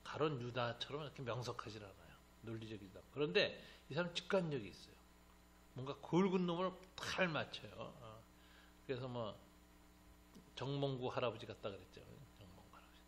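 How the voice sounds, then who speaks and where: A man teaching a Bible class as a pastor, lively and joking, acting out the voices of the people he quotes. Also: mid-range voice, moderate pace, slight background noise. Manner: animated, acts out quoted voices, joking asides.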